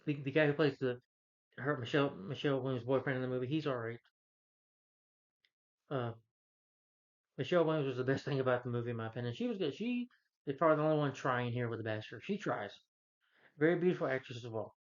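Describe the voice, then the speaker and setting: A man's voice: medium pitch, fast, pauses often. A man delivering an angry, scornful review rant, speaking bluntly and emphatically and repeating phrases to drive his point home. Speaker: film reviewer. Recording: dull lo-fi audio.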